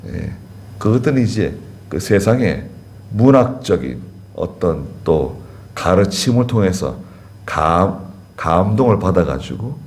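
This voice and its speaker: A man's voice: sits low, a little mellow. A man pastor preaching a sermon in a conversational way, repeating key words and asking the congregation questions. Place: church sanctuary.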